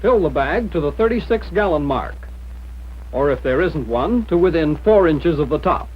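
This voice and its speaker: An American man reading scripted instructions in the formal, measured manner of a 1940s military training film narrator. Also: fairly high pitch, animated, breathy edge. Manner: mid-century newsreel-style narrator, formal, measured instruction. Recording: dull, lo-fi 1940s film soundtrack.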